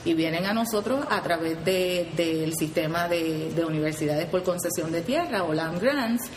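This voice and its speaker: An echoey room and a noisy background surround this Puerto Rican 4-H program leader, who speaks in a fairly low voice at a moderate pace. Earnest as an interview guest explaining her youth program, she uses Puerto Rican Spanish with frequent "¿verdad?" tags and restarts.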